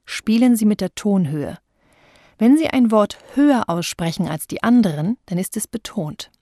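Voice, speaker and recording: A woman leads a voice training lesson as a speech coach, talking in a clear, deliberate way. She sits in the middle of the usual range for a woman's voice. The sound is dry and close, with almost no room in it. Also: mid-range voice, expressive, dark tone, no echo. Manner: clear, deliberate, demonstrates stress with slowed example sentences.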